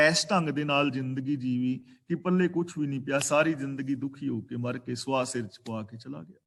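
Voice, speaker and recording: A man teaching a scripture class, explaining verses in a measured way, slowing down to recite them and to spell out how they are pronounced. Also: medium pitch. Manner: explains pronunciation of scripture carefully. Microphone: online video meeting.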